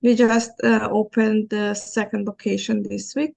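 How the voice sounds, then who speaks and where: A middle-aged woman from Croatia, a florist speaking with a Croatian accent, talking haltingly on a video call. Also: mid-range voice, level tone, gravelly, darkish tone. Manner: hesitant, halting speech with fillers. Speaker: florist, workshop participant. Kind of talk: casual chat on a video call.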